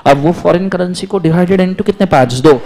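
A man lecturing a classroom on law in energetic Hindi with terms, often calling on students to answer aloud. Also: sits high, brisk, creaky.

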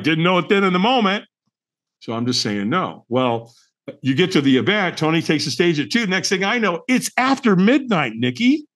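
A man's voice: a little high, fairly bright tone. A middle-aged man, a podcast guest, telling a personal story in an emphatic, colorful and profane way, acting out his own thoughts.

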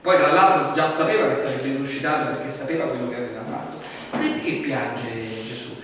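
A man preaching a sermon as pastor, conversational and animated, acting out quoted dialogue with asides. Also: mid-range voice, a little fast, noisy background. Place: church sanctuary. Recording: echoey church hall from far off.

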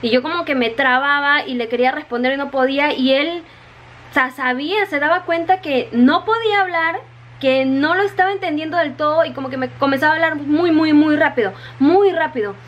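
A woman's voice: sits high, a little fast, highs cut off. A woman in casual vlog talk, chatty and repeating her words, often calling her viewers "chicas", still wet from the rain. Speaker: vlogger. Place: her home in Japan.

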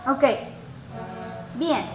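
A woman teaching a grammar lesson, patiently checking that her students follow and slowly repeating words for them to hear. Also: roomy sound, over loud music, rough recording. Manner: patient, checks understanding often. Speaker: English teacher.

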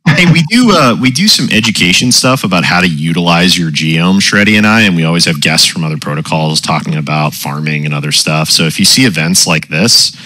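A man talking through a voice changer that drags his voice down into an extremely low, synthetic register. The tone still comes through bright and forceful, and the sound is close and dry. He hosts a casual community call and explains things loosely, often checking in with "right?". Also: a little fast, no room sound, rough recording. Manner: relaxed, explains with frequent "right?" and "you know". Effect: voice changer pitching the voice very deep. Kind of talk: casual chat.

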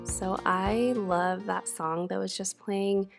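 A woman in her thirties talking in a soft, earnest voice-over about her home life. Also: mid-range voice, fairly even intonation, slow, gravelly, over loud music. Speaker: cleaning vlogger. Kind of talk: reflective voice-over.

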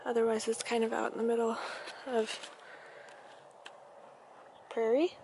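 A woman's voice: a little high, little pitch movement, measured pace, gravelly. A woman in her early twenties with an American accent, chatting casually and tentatively as a self-conscious vlogger outdoors. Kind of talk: casual vlog chat. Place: outdoors on wooded trail and open prairie. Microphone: camera at arm's length. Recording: noisy outdoor handheld camera audio.

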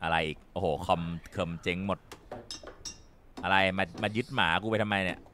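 A man's voice: low voice, steady tone, moderate pace, bright, forceful tone, a little hiss or hum. A young man streaming a game, reacting with exasperation and reading out the lines in Thai. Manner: exasperated, swears casually, reads along in voices. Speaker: gaming streamer. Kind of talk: game let's play commentary, dubbing game lines. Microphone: studio mic. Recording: game music behind.

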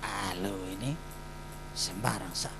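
A man's voice: high-pitched, flat delivery, a little fast, noisy background. A man playing a frightened man who stammers denials. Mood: dismissive. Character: frightened man denying a friend.

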